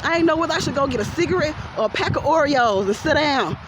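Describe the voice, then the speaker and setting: Animated Southern woman venting on a walk. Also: high voice, fast, very noisy. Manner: animated, laughs often, talks straight to viewers. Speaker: vlogger. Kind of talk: walking vlog venting to followers. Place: outdoors walking by a pond.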